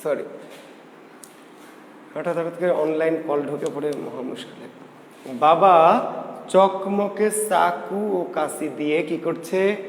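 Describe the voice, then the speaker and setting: A man teaching a lesson, drilling students with questions and answering them himself in an animated way. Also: on the high side, takes it slowly, long pauses, slight background noise. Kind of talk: spoken mnemonic lesson. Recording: echoey room with faint ambience.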